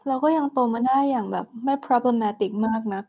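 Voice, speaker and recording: Young woman co-host, high voice, outspoken slangy chat, dull lo-fi sound. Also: normal speed, dark tone. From Thailand. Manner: outspoken, crude slang mixed with English words. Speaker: podcast co-host. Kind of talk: casual chat.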